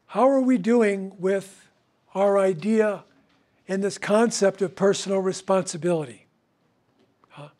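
An older man, a counselor, teaching a recovery class to a group, animated and gesturing, often asking tag questions. He is in a room with a whiteboard, filmed at medium distance. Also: high-pitched.

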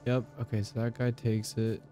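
A man's voice: lowish voice, flat delivery, moderate pace, dark tone, faint music behind. A young man hosting casual gameplay commentary, thinking aloud with fillers and repeats. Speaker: game channel host.

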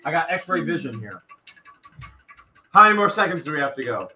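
A man's voice: on the high side, sing-song, brisk, bright, forceful tone, low-quality recording. A man in his thirties hosting a casual live-stream auction, chatty and hyping the bids, repeating numbers as he goes. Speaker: live-stream host auctioning storage-unit finds. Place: small indoor room with a wall of hats behind.

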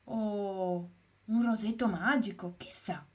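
A woman voicing an eager, excitable male rooster who exclaims and guesses. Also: mid-range voice, slow, lightly acted. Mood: dreamy.

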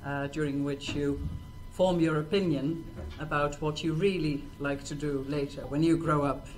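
A middle-aged woman hosts an event from a small stage in a presentation room, talking informally and asking the audience rhetorical questions. Her low voice is a little mellow, with fairly even intonation and normal speed, picked up by a distant mic in a clearly noisy room.

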